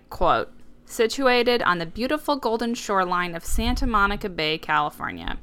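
A woman's voice: mid-range voice, fairly bright tone, clean tone. A woman co-hosting a casual podcast, talking in a wry, skeptical, amused way. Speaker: podcast co-host.

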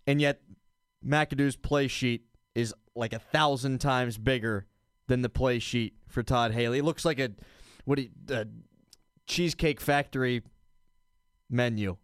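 A man's voice: medium pitch, a little slow, clear, resonant tone, no echo, studio quality. A man hosting a sports podcast in a casual, chatty style.

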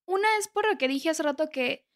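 Podcast co-host, Mexican woman with a high voice, easygoing and colloquial, laughs often. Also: lively intonation, brisk. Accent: Mexican Spanish. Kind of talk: casual conversation.

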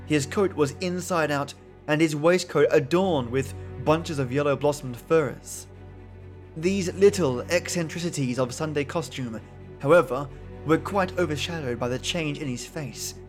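A man reading a classic story aloud in measured, dramatic storytelling narration. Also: on the high side.

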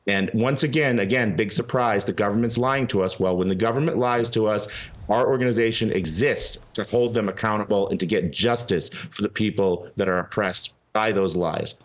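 A guest from a legal advocacy group, a man with a lowish voice and moderate pace, talks urgently and emphatically during an animated call-in interview on a talk show, often starting his sentences over.

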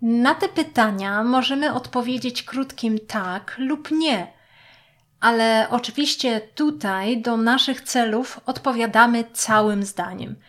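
Slow, careful woman teaching German. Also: fairly high pitch, a bit bright. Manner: clear, careful pronunciation with repeated example sentences. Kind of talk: slow scripted language lesson.

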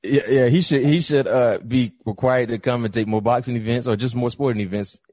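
A male podcast co-host tells stories on a casual sports talk show, highly animated and acting out the coaches he quotes. His voice sits at medium pitch, slightly mellow, and fairly quick. The recording has no room sound.

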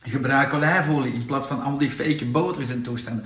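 Chatty Flemish man pitching products. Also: brisk, a bit bright, roomy sound. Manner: chatty and persuasive, peppered with tag questions. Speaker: product presenter. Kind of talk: casual sales pitch.

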